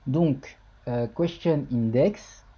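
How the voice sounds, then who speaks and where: A man codes live on stream and explains each step as he types, pausing to answer his viewers in the chat. His voice is mellow and a little husky. The audio is dull and lo-fi, like a desk mic on a home setup. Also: mid-range voice. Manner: thinks aloud, chatty, talks to chat viewers. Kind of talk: casual live-coding tutorial.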